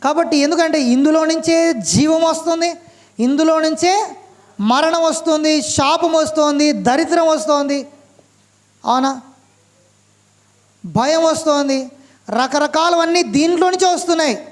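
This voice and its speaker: A man preaching a sermon, stressing each point and asking his listeners "right?" again and again, reading scripture slowly. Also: extremely high pitch. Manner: slow, emphatic scripture reading.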